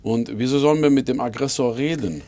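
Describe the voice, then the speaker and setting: A man's voice: medium pitch, fast, mellow. A man from Iran hosting a podcast interview, talking casually and groping for words with many fillers. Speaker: podcast host.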